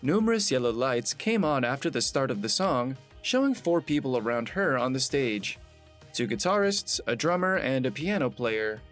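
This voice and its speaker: Steady male narrator reading a script. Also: mid-range voice, moderate pace, faint music behind.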